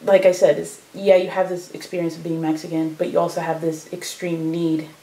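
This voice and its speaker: A woman's voice: on the low side, little pitch movement, brisk, mellow, reverberant, poor audio. A young woman from Chicago telling her story in a casual oral history interview, full of fillers and quoted dialogue. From Chicago, United States.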